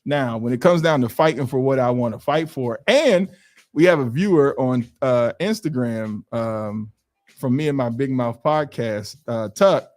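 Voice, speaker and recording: A man's voice: medium pitch, measured pace. A man in his forties co-hosting a podcast, telling stories casually and acting out other people's lines. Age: 40s. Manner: animated storyteller, acts out others' voices. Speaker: podcast co-host. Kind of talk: casual chat.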